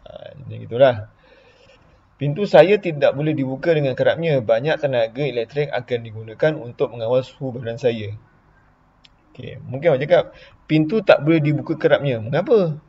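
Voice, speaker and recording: A man's voice: mid-range voice, lively intonation, a little fast, mellow, slightly rough, highs cut off. A man with a Malaysian Malay accent, a primary school teacher giving an online lesson in a chatty way, explaining with repeated example questions.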